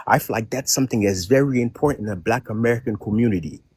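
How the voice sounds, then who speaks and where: A man's voice: medium pitch, quick pace, darkish tone, breathy edge, dry recording, studio quality. A man calling in to a stream and talking in an earnest, insistent way. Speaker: caller. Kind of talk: casual call-in talk.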